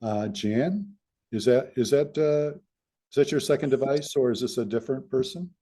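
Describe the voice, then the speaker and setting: A man's voice: mid-range voice, moderate pace, mellow. A man hosting a video call, introducing people in a hesitant way with many fillers. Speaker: host.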